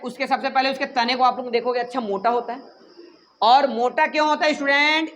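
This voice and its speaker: A male teacher, giving a classroom lecture in an animated, joking way and scolding students. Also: very high-pitched, a little hiss or hum.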